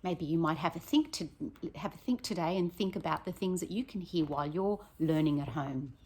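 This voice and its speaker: Fairly quick and low-pitched, this woman's slightly husky voice brings a picture book to life for children. As a primary school teacher, she reads expressively and keeps asking her listeners questions.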